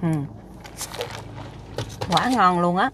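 A woman's voice: lowish voice, very slow, fairly bright tone, slight background noise. A woman, chatting emphatically to a dashboard camera while sitting in a parked car. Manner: chatty, emphatic, repeats "các bạn". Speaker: food vlogger. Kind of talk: casual chat to camera.

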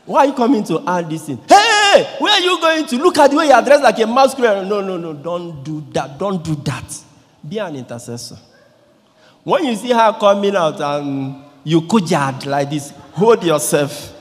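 A man in his thirties with a Nigerian English accent, a priest preaching a lively sermon into a handheld microphone, acting out voices and swinging between loud and quiet. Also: high-pitched, moderate pace. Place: large church, indoors. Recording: long church reverb.

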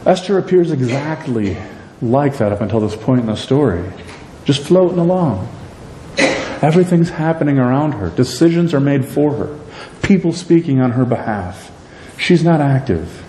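A middle-aged man preaching a sermon from the pulpit, animated and conversational, often asking "right?". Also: mid-range voice, moderate pace, a little hiss or hum. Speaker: pastor. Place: church sanctuary with a pulpit. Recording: echoey church hall, voice a bit distant.

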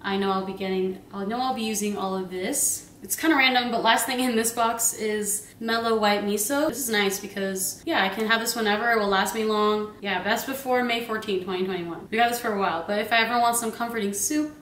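A bubbly, giggly woman in her twenties rambles through a grocery haul in her home kitchen, filling her chatter with lots of fillers. Her mid-range voice is a bit bright and fairly even in intonation, and she talks briskly with hardly any pauses. The vlog is shot on a camera a few meters away, so the kitchen sounds roomy, with slight background noise.

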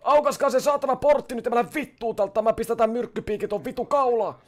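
A man playing a brash, foul-mouthed young criminal in a game roleplay, loud and frantic, swearing and threatening. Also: very high voice, steady tone. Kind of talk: GTA roleplay, in-character shouting and swearing.

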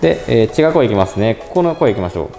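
A young man talks quickly through a phone app demonstration, thinking aloud as he narrates each step. His voice is mellow and lively, and it rings in an echoey room over faint music. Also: mid-range voice, vocal fry. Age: young adult. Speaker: presenter of a robot pet channel.

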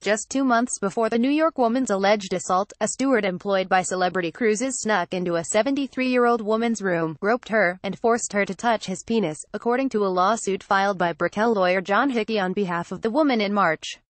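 A woman narrating a news report in a steady, scripted read. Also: mid-range voice, fairly quick, few pauses, no echo.

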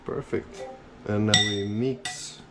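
A laid-back cooking vlogger narrates slowly as he chops and mixes in his small indoor kitchen, seen through a head-mounted camera. His voice sits on the low side, and the audio is very noisy.

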